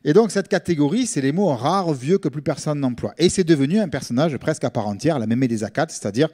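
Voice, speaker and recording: A middle-aged man speaks with a Marseille accent in a fairly high, mellow voice. He lectures informally, explaining ideas in a conversational way and regularly checking that his listeners follow. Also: expressive, fast talker. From Marseille, France. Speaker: linguist giving a public talk.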